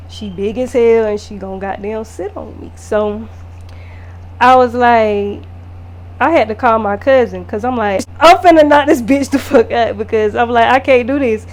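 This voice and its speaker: A woman makeup artist telling a casual storytime vlog, animated and profane, full of fillers. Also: a little high, slight background noise.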